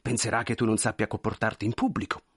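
A man's voice: lowish voice, flat delivery, quick pace, a bit bright, slightly rough, dry recording, clean studio sound. A man voicing a clerk's practical wife who urges her husband insistently.

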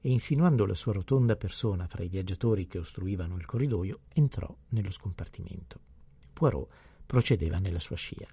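Gravelly, dark-voiced man narrating. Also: deep voice, brisk, no echo. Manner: calm, even storytelling. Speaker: audiobook narrator. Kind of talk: scripted narration.

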